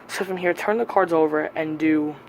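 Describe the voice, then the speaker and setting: Male tutorial presenter, slightly high register, casual instructional delivery with emphatic repetition, light noise on the recording. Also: moderate pace, rough recording. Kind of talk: casual step-by-step card trick tutorial.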